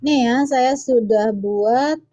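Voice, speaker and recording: A woman's voice: a little high, takes it slowly, warm tone, no echo, lo-fi sound. A woman hosting a casual livestream debate, teasing and challenging her callers, laughing at them. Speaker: livestream host.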